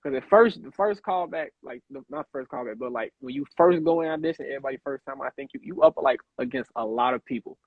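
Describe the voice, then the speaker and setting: A young Chicago man, an actor appearing as a guest in a casual interview, rambles in a laid-back way packed with fillers over a video call. His medium-pitched voice is slightly rough and fast, with few pauses and no echo, and the line sounds tinny and phone-like.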